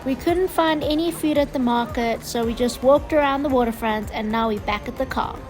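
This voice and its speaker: A woman's voice: sits high, fairly quick, music in the background. A woman chatting casually in a travel vlog, upbeat and full of fillers, talking outdoors and later in a car. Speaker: travel vlogger.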